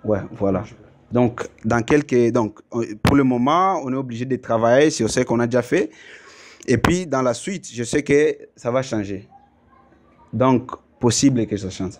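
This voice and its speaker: Congolese musician guy chatting in an interview, mid pitch, keeps going euh and donc while he explains. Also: moderate pace. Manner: thoughtful, explains at length with fillers. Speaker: musician guest. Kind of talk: casual interview talk.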